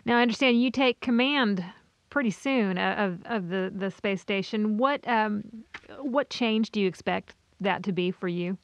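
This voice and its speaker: A woman's voice: mid-range voice, moderate pace, no echo. A woman radio interviewer asking questions in a hesitant, rephrasing way. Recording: dull, dry radio link.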